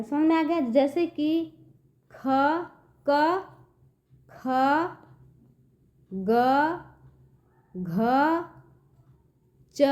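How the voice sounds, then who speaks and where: During a children's online Hindi lesson, a woman patiently teaches young kids to read and keeps checking that they understand. Her voice sits high but has a dark tone.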